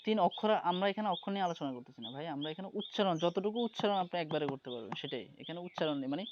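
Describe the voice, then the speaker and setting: A man's voice: a little high, lively intonation, very fast. A man teaching an English lesson to an online class, explaining patiently and often checking that everyone understands. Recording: dull lo-fi audio with background noise.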